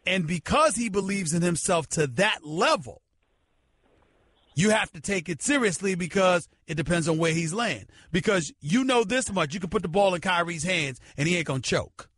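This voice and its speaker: A man's voice: sits high, lively intonation, moderate pace, a bit bright, no echo, clean studio sound. A middle-aged man hosting a sports talk radio show, arguing his points with emphatic, preacherly repetition. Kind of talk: sports talk radio commentary and host-read ad.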